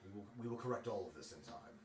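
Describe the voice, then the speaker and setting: A noble old warrior, as a man voices him, weary, deep and formal in his speech. He sounds off-mic in an echoing room with a faint murmur of ambience. A loyal hero of a tabletop fantasy game. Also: lively intonation, quick pace, far from the mic, background noise.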